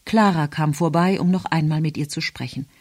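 A woman narrating an audiobook in an even, measured reading. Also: deep voice, no echo, studio quality. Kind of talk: scripted narration.

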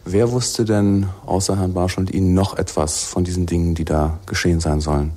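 A man's voice: sits low, flat delivery, a little fast, mellow. A male radio interviewer asking pointed, probing questions in a dry archival radio recording. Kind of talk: broadcast interview.

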